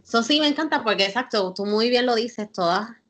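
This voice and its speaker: Bright woman interviewer. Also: on the high side, expressive, fairly quick. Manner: friendly, mixes in English words. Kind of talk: casual interview.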